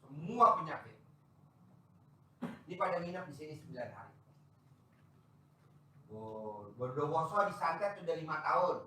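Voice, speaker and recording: A man, hosting and chatting loudly and teasingly with visitors. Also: on the high side, very animated, moderate pace, pauses often, a little hiss or hum. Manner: joking, boisterous, loud and teasing. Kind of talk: casual chat with visitors. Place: large echoey space, maybe a sheep barn. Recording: very echoey, distant mic.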